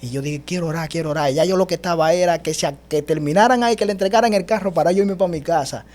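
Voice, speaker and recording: A man giving an animated personal testimony as a guest, speaking emphatically and often calling the host brother. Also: high voice, rapid-fire. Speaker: guest telling his testimony.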